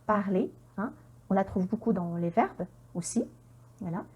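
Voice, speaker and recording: Slow, lively-pitched woman teaching pronunciation. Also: breathy edge, highs cut off. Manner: repeats words slowly for learners and quizzes the viewer; encouraging, with frequent "hein?" checks. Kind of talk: online language lesson.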